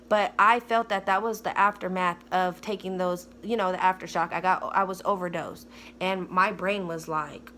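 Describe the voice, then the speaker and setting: A woman's voice: mid-range voice, fairly bright tone, slight background noise. A mother telling a personal story in a casual vlog, earnest and insistent, often speaking straight to her viewers. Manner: earnest, insistent, with many fillers and direct address to viewers.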